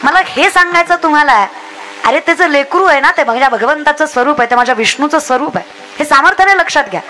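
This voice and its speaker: A young woman delivers a comic devotional sermon, her voice pitched very high and ringing bright. She exhorts the crowd and slips into villagers' voices to act out their words. A faint background hum runs beneath her. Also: expressive, fast talker. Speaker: kirtan preacher.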